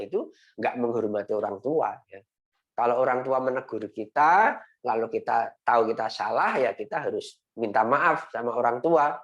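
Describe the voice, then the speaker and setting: Gentle male Sunday school teacher. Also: mid-range voice. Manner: gentle, repetitive, ends phrases with a coaxing "ya". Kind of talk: teaching young children.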